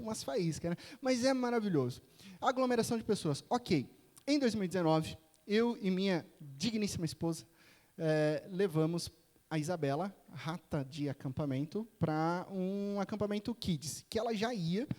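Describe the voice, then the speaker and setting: A man's voice: fairly high pitch, a little mellow. A Brazilian man preaching a sermon as pastor, telling a family story with chatty asides and frequent tag questions. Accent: Brazilian Portuguese. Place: church sanctuary. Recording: echoey church hall.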